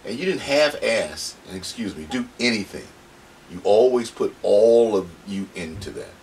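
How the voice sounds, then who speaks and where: A man's voice: on the low side, expressive, normal speed, a little mellow. A man hosting a radio interview, joking and emphatic in casual talk. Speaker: radio host. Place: radio studio. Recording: distant mic with faint room noise.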